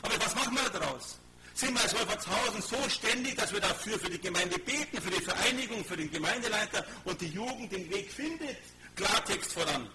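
A man's voice: lively intonation, fairly quick. Impassioned man preaching. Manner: impassioned, swings between loud outbursts and low asides, acts out dialogue. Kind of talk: informal sermon to a congregation. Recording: audible background hum.

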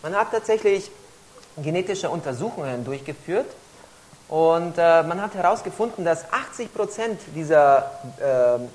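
A woman interpreting a talk phrase by phrase, often pausing and hesitating as she searches for words. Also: fairly low pitch, animated, darkish tone, rough recording. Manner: frequent hesitations while rendering each phrase. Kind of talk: consecutive interpreting into German.

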